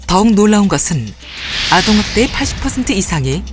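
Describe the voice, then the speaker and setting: A woman narrating with an even, informative tone. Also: medium pitch, a little fast, music in the background. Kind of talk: scripted narration.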